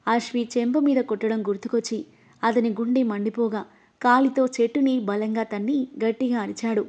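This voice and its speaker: A woman reading an emotional novel aloud as narrator, voicing every character herself and getting louder in the angry lines. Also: a little high. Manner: reads all the characters, her voice rising louder in angry lines. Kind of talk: scripted story narration. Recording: dull, lo-fi audio.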